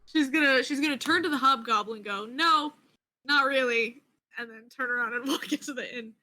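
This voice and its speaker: A woman's voice: fairly high pitch, fast talker, pushed and bright, rough recording. A woman chatting casually as a player in a tabletop role-playing game, wry and informal. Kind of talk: casual improvised role-play chat.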